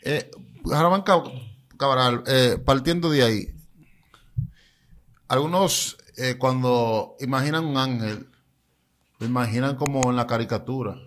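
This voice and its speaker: A man's voice: mid-range voice, unhurried, pauses often, a bit bright. Curious man hosting a podcast. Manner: prompting, curious interviewer. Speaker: podcast host. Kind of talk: casual religious podcast talk.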